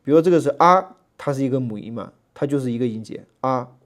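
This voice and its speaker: A man teaching a Greek lesson in a relaxed lecturing way, with many fillers, slowing down to spell out letters and sounds. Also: medium pitch.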